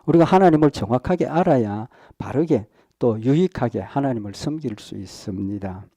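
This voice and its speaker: A male pastor giving an earnest Sunday sermon. He asks the congregation rhetorical questions and often pauses on short fillers. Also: medium pitch, expressive, warm tone, no echo. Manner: frequent hesitation fillers.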